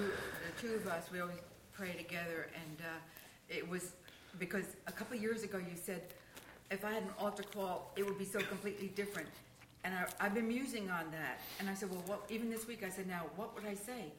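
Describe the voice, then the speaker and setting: A woman's voice: medium pitch, fairly quick, slight background noise. Woman giving an eager testimony in a roomy space. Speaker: congregation member giving testimony. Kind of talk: spoken testimony.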